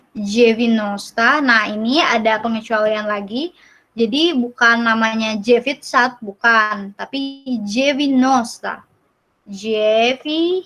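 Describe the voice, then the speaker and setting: Young Indonesian woman as an online language tutor: slightly high voice, slow unhurried pace, casual with lots of fillers, sounds like a computer mic on a call. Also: bright, forceful tone, low-quality recording. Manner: casual, explains with many fillers and apologies; repeats Russian words slowly for learners. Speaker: Russian language teacher. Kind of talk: online class. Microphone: computer mic on a video call.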